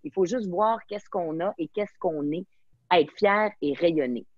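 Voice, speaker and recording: A woman's voice: fairly low pitch, measured pace, dry recording, muffled recording. A woman from Quebec with a Québécois French accent, speaking enthusiastically as a guest in a webinar interview and mixing in English words.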